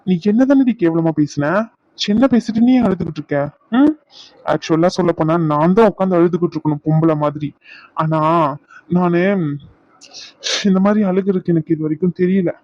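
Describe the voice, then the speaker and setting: Man doing a jealous cartoon husband, bitter and sarcastic, somewhat high voice, dry dull lo-fi sound. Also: normal speed, long pauses, no room sound, lightly acted. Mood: stern. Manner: accusing, sarcastic, repeats his demands. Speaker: cartoon voice actor. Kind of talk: dubbed cartoon dialogue.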